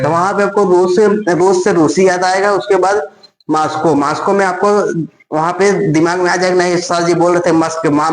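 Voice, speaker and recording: A man's voice: high-pitched, reverberant, a little hiss or hum, rough recording. A man teaching an exam-tips lesson, repeating phrases and often restarting words. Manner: repetitive, keeps addressing friends.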